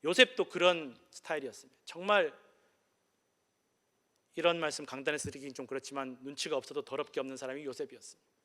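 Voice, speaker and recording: A man delivers a sermon from the pulpit of a church, his bright, slightly high voice carrying a long echo through the sanctuary. He tells his story with acted-out quotes, rising to loud exclamations and dropping to quiet reflection. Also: steady tone, fast talker. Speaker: pastor. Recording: church hall with long reverb.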